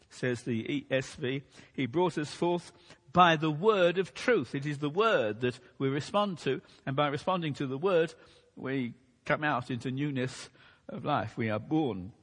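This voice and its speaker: Guy giving a sermon, raspy voice going a bit, big reverb room. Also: medium pitch. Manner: measured teaching delivery, occasional restarts. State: losing his voice a bit. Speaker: preacher. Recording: long hall reverb.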